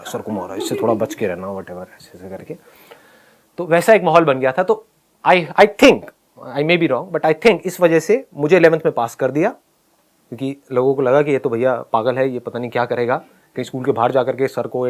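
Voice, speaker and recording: A man tells a personal school story in an animated way, laughing often and acting out his own lines. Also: fairly high pitch. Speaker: speaker telling a school story.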